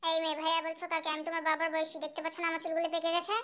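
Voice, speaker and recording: A woman's voice: very high voice, monotone, very fast, sharp tone. A woman voicing a stern, easily offended grey-haired father who scolds pompously, in an amateur comic dub. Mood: scolding.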